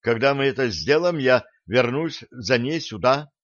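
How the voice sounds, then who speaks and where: A man's voice: mid-range voice, expressive, normal speed, fairly bright tone, no echo, muffled recording, close to an everyday voice. A man as a sulky young cabin boy. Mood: earnest. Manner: grumbling, earnest. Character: shy sulky teenage boy cabin hand.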